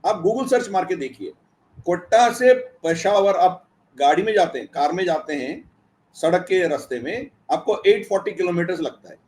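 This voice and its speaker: A man with a notably high voice talks through his views as an interview guest. He pauses often, fills gaps with hesitant sounds, and builds his points slowly. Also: animated, darkish tone. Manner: hesitant, many filler sounds, explanatory. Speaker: guest commentator. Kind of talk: interview answer.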